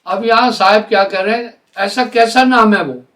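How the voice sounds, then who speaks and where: Older male spiritual teacher, high voice, deliberate explainer, mic at a distance. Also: fairly even intonation, fairly bright tone. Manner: deliberate, explanatory, slows to spell out sounds. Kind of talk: live spiritual discourse.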